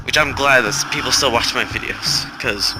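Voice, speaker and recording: A man's voice: medium pitch, moderate pace. Stressed young guy narrating gameplay over music. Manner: flat, robotic-sounding delivery; rambling, self-correcting. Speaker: gaming channel host. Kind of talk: casual gameplay commentary. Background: game music.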